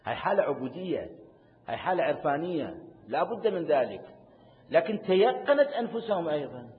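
A middle-aged man with an Iraqi Arabic accent preaching a religious sermon, passionate, swinging from loud outbursts to hushed, sorrowful tones. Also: fairly high pitch, very animated, a little fast. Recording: tinny phone-like sound in a reverberant hall.

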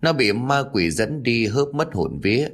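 A man voicing a stern old male village exorcist who speaks in a gruff, commanding way. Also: medium pitch, big pitch swings, normal speed, fairly bright tone.

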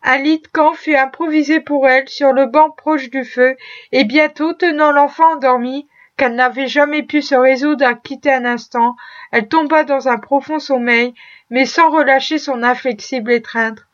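Brief: female audiobook narrator, high voice, measured and expressive, muffled lo-fi recording. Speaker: audiobook reader. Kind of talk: scripted narration.

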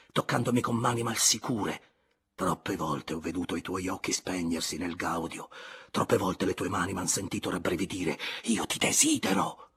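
A man's voice: low voice, a bit bright, breathy edge, exaggerated voice. A man playing a harsh, passionate young lover.

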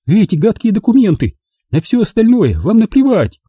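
A man's voice: unhurried, husky, dry recording, full character voice. A man voicing a young woman in shock in an audiobook, her voice lifeless and then near hysteria. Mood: hysterical. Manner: flat and lifeless, then shrill and pleading. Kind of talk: audiobook narration.

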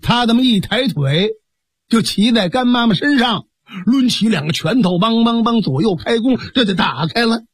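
A man narrating a traditional tale in a lively, dramatic storyteller's manner on a close studio mic. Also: very high-pitched, moderate pace, slightly rough, no room sound.

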